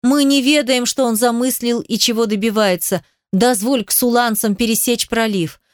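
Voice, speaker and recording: A woman's voice: medium pitch, fairly even intonation, a little slow, no echo, studio quality, natural voice. Woman playing an anxious young male retainer. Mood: pleading. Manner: pleading, urgent.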